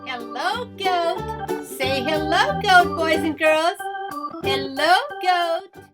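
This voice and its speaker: A woman's voice: very high voice, lively intonation, very slow. A woman speaking as a kids show host, addressing young children in a sing-song way and getting them to repeat after her. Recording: children's music behind the voice. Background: children's music.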